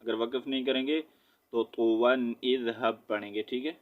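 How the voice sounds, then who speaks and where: A man teaching Quran recitation, sounding out each letter and vowel slowly before blending the word, with quicker explanatory asides. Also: mid-range voice, steady tone. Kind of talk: slow spelled-out Quran recitation lesson. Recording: dull lo-fi audio.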